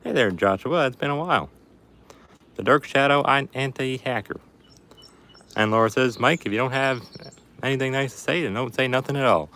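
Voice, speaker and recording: A man's voice: mid-range voice, moderate pace, pauses often, sharp tone. A man chatting casually as a livestream host and reading out viewer comments, putting on a folksy Appalachian hillbilly accent to disguise his voice. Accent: put-on Appalachian hillbilly. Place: outdoors in a backyard.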